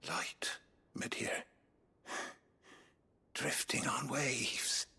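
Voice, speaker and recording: An actor playing a dying old male mentor, speaking in a faint, slow whisper in a game scene. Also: medium pitch, flat delivery, gravelly, pushed and bright, breathy edge, heavily acted. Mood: fading. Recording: game audio with music behind.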